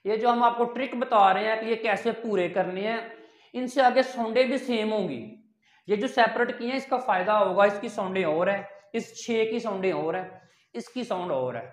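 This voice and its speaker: A language teacher explains step by step, asking questions and then answering them. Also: mid-range voice. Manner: counts and repeats items slowly. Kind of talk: step-by-step online language lesson. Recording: roomy echo.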